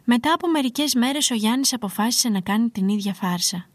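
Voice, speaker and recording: A woman telling a fairy tale in a calm, expressive scripted narration. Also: a little high, no room sound. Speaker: storyteller.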